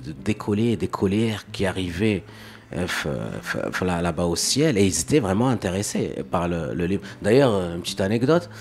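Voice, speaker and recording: A man's voice: low voice, moderate pace, slight background noise. A man from Morocco, a guest in an interview, talking casually and often repeating words as he searches for phrasing.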